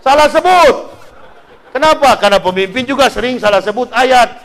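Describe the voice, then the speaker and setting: Male preacher, high voice, playful and animated, breaks into shouts and impressions. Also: normal speed, some chatter behind. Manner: joking, animated, mimics others; shouts out exclamations. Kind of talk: humorous sermon. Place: mosque.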